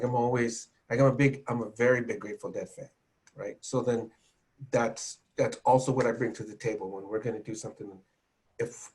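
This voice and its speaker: A man talks in a relaxed, chatty way as a music journalist, with a mid-range voice. He is self-deprecating and often stumbles and restarts his sentences. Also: medium pitch. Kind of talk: panel discussion.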